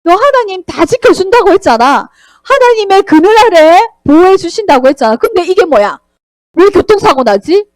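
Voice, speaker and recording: A woman's voice: extremely high pitch, sing-song, normal speed, a little mellow, no room sound, voice pushed up. A woman voicing a sly male Satan who taunts and coaxes with mocking questions while telling a Bible story to children. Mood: taunting.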